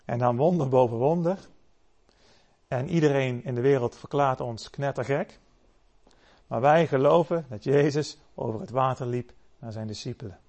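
A man preaching a sermon, telling stories dramatically and swelling loud for the cries he quotes. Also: mid-range voice, moderate pace.

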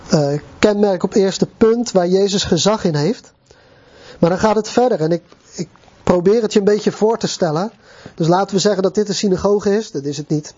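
A man preaching a sermon to his congregation in a conversational way, with pauses and fillers, on a dull lo-fi recording. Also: high voice, dark tone, slightly rough.

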